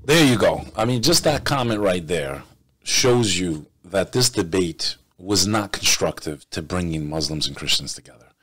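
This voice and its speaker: A man's voice: deep voice, animated, moderate pace, fairly bright tone, no room sound. A man from the United States giving emphatic reaction commentary, often repeating phrases for stress.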